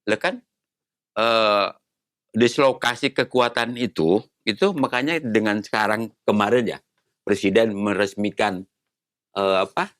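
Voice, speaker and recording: A man's voice: fairly low pitch, measured pace, pauses often, a bit bright, no echo, clean studio sound. A man in his sixties, a retired navy admiral, explaining patiently in a casual interview and posing rhetorical questions. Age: 60s.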